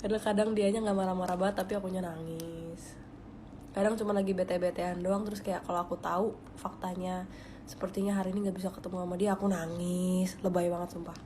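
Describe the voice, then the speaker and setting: A woman's voice: lowish voice, little pitch movement, fast, warm tone, slight background noise. A young woman, chatting casually on a phone livestream in a confiding way that often drops to a whisper. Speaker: livestream host.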